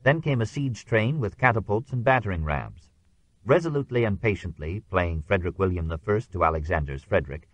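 A man narrating a history audiobook in a measured, even reading. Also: low-pitched, no room sound, poor audio.

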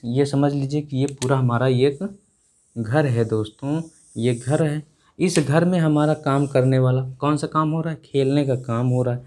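A young man teaching grammar at a whiteboard in a small classroom, repeating each word slowly as he writes and calling his students dear children. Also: medium pitch, darkish tone. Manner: slow and repetitive, dictating words while writing. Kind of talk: whiteboard lesson in Hindi.

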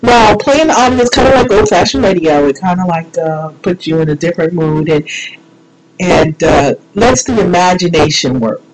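A woman radio host runs a solo show, chatting casually in a rambling, folksy, informal way. Her voice is on the low side at a moderate pace. The rough recording carries crowd noise and loud background music behind her voice.

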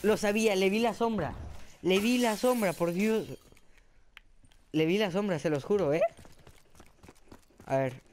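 A man with a fairly high voice and a put-on Spain Spanish accent, commentating his own gameplay live. He exclaims at every kill and death and mocks himself between rounds. A faint hiss sits under his voice. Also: unhurried, pauses often. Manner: excitable, exclaiming, self-mocking. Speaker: gaming channel host.

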